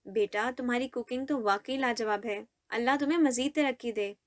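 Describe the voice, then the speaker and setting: A woman's voice: a little high, lightly acted. A woman voicing a kind middle-aged aunt who speaks affectionately to the young men. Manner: affectionate, polite.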